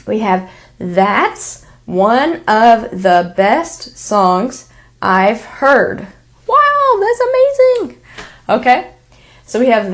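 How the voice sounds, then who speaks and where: This is a woman with a Texan American accent giving an English pronunciation lesson. She speaks slowly and deliberately, repeating example sentences and stressing the important words. Her voice sits a little higher than most women's. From Texas.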